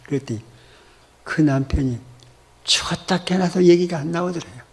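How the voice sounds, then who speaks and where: A man's voice: on the high side, normal speed, husky. Male pastor telling a vivid story. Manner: vivid storytelling, acts out dialogue. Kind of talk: storytelling sermon. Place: church.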